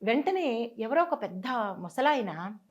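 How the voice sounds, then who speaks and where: A woman guest telling a personal story in a conversation, earnest and halting, restarting and repeating herself. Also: on the high side, very animated, a little mellow, breathy edge. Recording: dull lo-fi sound.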